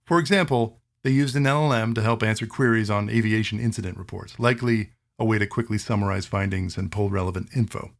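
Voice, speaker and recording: A man hosting a talk show, explaining things in a conversational way with animated asides, quick bursts and slower stretches to spell terms out. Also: lowish voice. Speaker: host. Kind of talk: explanatory monologue.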